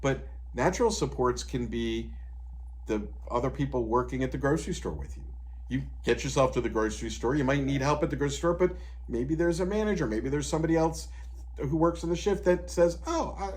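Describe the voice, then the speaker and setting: Man in his fifties explaining, mid-pitched. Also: fairly quick. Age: 50s. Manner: explanatory, steady, sprinkled with "you know". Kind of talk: conversational interview advice.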